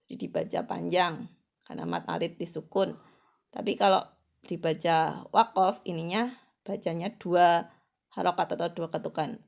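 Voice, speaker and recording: A woman's voice: lowish voice, animated, normal speed, gravelly, pauses often, darkish tone. A woman teaching children to read the Quran, giving a patient lesson and stretching syllables out one by one to demonstrate them.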